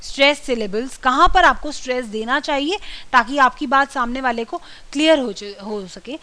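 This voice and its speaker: A woman lectures a communication skills class. Her voice sits high and sounds bright and crisp. She explains each point patiently, one step at a time. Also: normal speed, poor audio. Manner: explanatory, drills words with exaggerated stress. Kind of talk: classroom lecture mixing Hindi and English.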